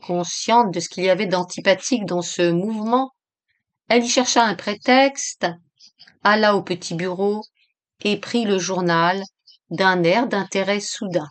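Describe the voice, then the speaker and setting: A woman narrating a literary novel as an audiobook, with a measured, expressive reading. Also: on the low side.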